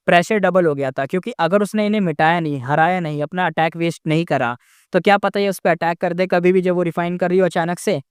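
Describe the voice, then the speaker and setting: A man's voice: on the high side, clear, resonant tone, no echo, studio quality. A man casually retelling a novel's story in a chatty way, talking straight to his listeners.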